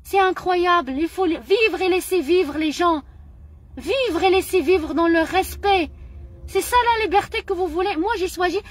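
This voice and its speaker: A middle-aged woman with a high voice speaks straight to her audience in an impassioned monologue. She sounds indignant and emotional, circling back to the same phrases again and again. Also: normal speed. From Morocco. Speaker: vlogger.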